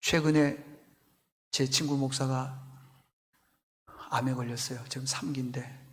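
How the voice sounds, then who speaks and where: A man's voice: mid-range voice, steady tone, measured pace. A male pastor preaching a sermon, telling the story with animation and asking his congregation questions. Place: church sanctuary. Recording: long reverb in church hall.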